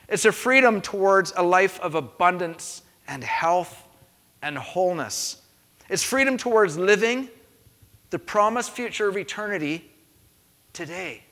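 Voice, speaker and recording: A man's voice: high-pitched, sharp tone, big-room sound. A man preaching a sermon as pastor, earnest and rhythmic, building on repeated phrases. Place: church.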